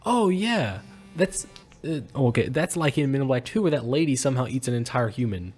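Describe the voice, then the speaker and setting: A man's voice: medium pitch, expressive, brisk, darkish tone, soft background music. A young man in casual, profane movie chat, joking and riffing with mock quotes. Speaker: movie review co-host.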